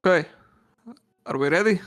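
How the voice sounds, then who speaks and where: A man's voice: sits high, moderate pace, fairly bright tone. A man voicing a tired nobleman in a tabletop game, sounding out of breath. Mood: weary.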